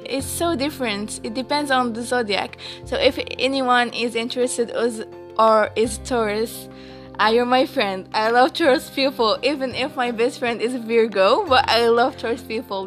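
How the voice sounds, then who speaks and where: Teen woman from Morocco, slow casual podcast chat, higher voice, faint music behind. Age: late teens. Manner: slow, giggly, many fillers and restarts. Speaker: podcast co-host.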